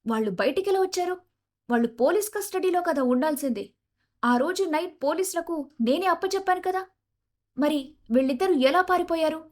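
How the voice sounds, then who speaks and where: A woman voicing a spirited young woman CEO, a quick-tongued wife who exclaims and talks back, in a Telugu audio story. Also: extremely high pitch, pitched above the performer's own voice. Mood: worried. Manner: lively, exclaiming, sharp-tongued.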